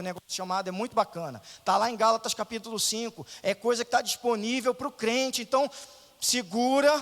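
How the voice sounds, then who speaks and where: A pastor preaches a sermon in a church hall, emphatic and firing rhetorical questions at the congregation. His voice is very high-pitched and a bit bright, with long church reverb on the recording.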